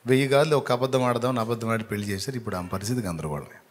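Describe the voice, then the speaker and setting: A man preaching a sermon, telling a story dramatically and acting out the voices in it with sudden loud rises. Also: medium pitch, rapid-fire. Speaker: pastor.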